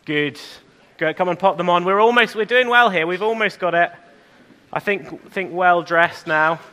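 A man's voice: high-pitched, normal speed, bright, forceful tone. A man preaching an interactive children's talk in church, speaking directly to the children in an encouraging, questioning manner.

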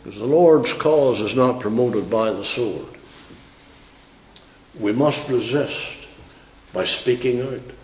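Man, preacher, sermon, fiery emphatic delivery, slow, echoey church. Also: medium pitch, darkish tone.

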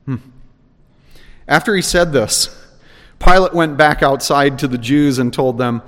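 A man's voice: medium pitch, unhurried, fairly bright tone. A man preaching an expository sermon, reading scripture verses aloud with emphatic quotes and then explaining them. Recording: reverberant hall.

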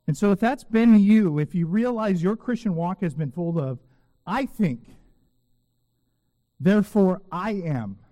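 A man preaching a sermon in a church sanctuary, earnest and emphatic, slowing down to repeat phrases with weight. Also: on the high side, warm tone, dull audio. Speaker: pastor. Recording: long reverb of a church hall.

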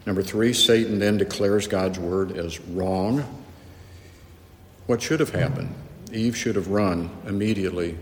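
Male preacher, very low voice, earnest and emphatic, echoey church hall with a long tail. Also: a little slow, slight background noise. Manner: earnest, emphatic, repeats words when restarting. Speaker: pastor. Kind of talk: expository Bible teaching. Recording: echoey hall with faint ambience.

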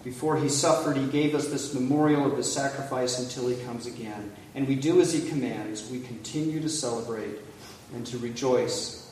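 Leading a communion liturgy in a large church sanctuary, a male pastor recites prayer in a solemn, measured manner with a mid-range, darkish voice. Recorded from far off, the sound is an echoey hall with heavy cathedral-like reverb and faint hiss.

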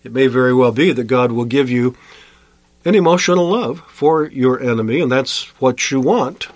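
A man preaching a sermon as a pastor, emphatic, with sharp rises in pitch on key words. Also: moderate pace, no echo.

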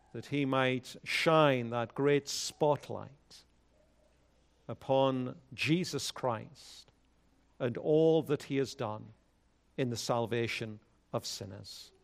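A male pastor speaks into a pulpit microphone, leading a congregation in prayer and reading scripture aloud. His pitch sits in the middle range. He takes his time, with a measured, solemn liturgical delivery. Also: creaky.

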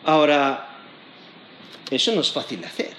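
A man's voice: fairly high pitch, lively intonation, normal speed, a bit bright, a little hiss or hum. Spanish-accented male preacher in an echoey room. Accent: Spain Spanish. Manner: conversational, frequent restarts and tag questions. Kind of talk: expository sermon.

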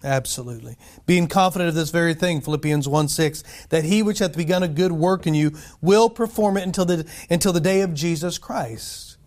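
A man's voice: fairly high pitch, fairly quick, hardly any pauses, a little mellow. A man preaching a sermon in a conversational way, often asking "right?" and chuckling between points. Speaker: pastor.

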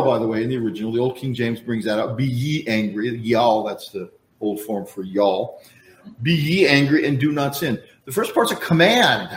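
Folksy preaching man in an echoey room. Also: medium pitch. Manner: conversational, folksy, explains and asides. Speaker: pastor. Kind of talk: sermon.

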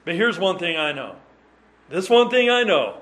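A man's voice: high-pitched, sing-song, normal speed, fairly bright tone. A man preaching a sermon, earnest and emphatic, reading scripture in old-fashioned wording and often restarting his phrases. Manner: restarts and repeats words while explaining.

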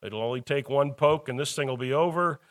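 A man voicing David's companion, a soldier who urges him to strike, in a quick paraphrase during a Bible lesson. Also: mid-range voice, natural voice. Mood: urging.

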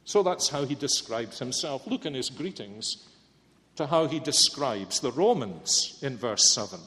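A man's voice: medium pitch, animated, a little slow, sharp tone. A man preaching a sermon earnestly and emphatically, often asking rhetorical questions. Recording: long reverb in a hall.

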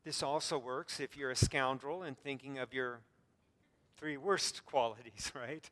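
A pastor delivers a sermon earnestly, with light self-deprecating humor and frequent fillers and restarts, in a voice he himself describes as squeaky. He speaks unhurriedly in a steady, fairly bright tone, and the hall adds long reverb.

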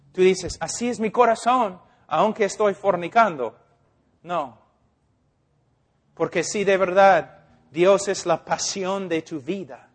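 Male preacher, high voice, unhurried delivery, drops to near-whispers and builds to shouts. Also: husky. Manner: swings from hushed to loud and emphatic. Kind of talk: sermon.

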